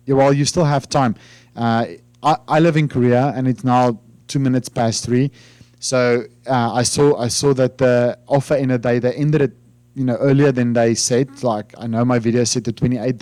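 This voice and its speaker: A medium-pitched, darkish voice belongs to this South African finance YouTuber, a first-language Afrikaans speaker, talking informally to camera on a dry recording. His speech is rambling and hesitant, with lots of fillers and restarts.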